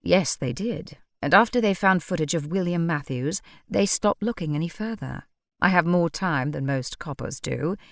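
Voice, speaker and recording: A woman voicing a calm, dryly ironic male vampire in an audiobook. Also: on the low side, normal speed, vocal fry, no echo. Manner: deadpan, dry irony.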